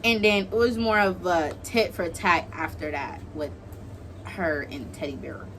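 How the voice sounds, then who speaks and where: This young online creator recounts gossip in informal slang, voicing other people's lines as she goes. She speaks at a measured pace in a lowish, slightly bright voice, with a little hiss or hum in the recording.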